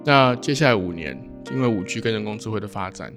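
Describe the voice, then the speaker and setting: Low-voiced man hosting a podcast. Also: animated, fast, music in the background. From Taiwan. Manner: musing, thinks aloud, wraps up topics. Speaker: podcast host. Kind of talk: casual podcast conversation.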